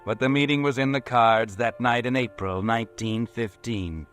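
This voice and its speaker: An eerie, all-knowing narrator of the night, as a man acts him out, measured and ominous in his storytelling. His voice sits at an ordinary pitch, with faint music behind him on an old radio recording. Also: a bit bright, close to an everyday voice. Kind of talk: 1940s radio drama narration.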